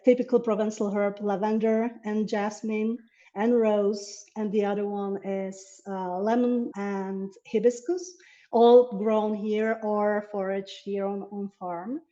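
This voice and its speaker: A woman speaks English in a mellow, relaxed voice as an earnest interview guest who laughs often. The audio is somewhat dull and muffled, as if from a modest microphone. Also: medium pitch. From Slovakia. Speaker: herb farmer and interview guest. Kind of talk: casual interview over video.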